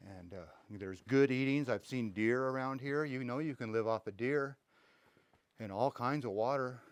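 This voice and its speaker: A man's voice: medium pitch, normal speed, clear, resonant tone. Man, casual vlog, playful tour-guide joking, handheld camera. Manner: playful, jokey, chatty tour-guide talk. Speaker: travel vlogger. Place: cave and outdoor mountain trail.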